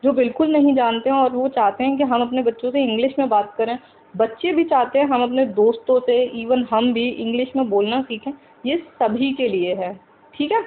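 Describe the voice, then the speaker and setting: A woman teaching English to Hindi speakers. She talks slowly, repeats each example sentence several times and keeps asking the viewers questions. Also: on the high side, narrow, tinny audio, slight background noise.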